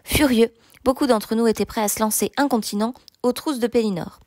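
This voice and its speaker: A woman's voice: on the high side, fairly quick, a little mellow, no room sound, clean studio sound. Woman reading a novel aloud. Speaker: narrator.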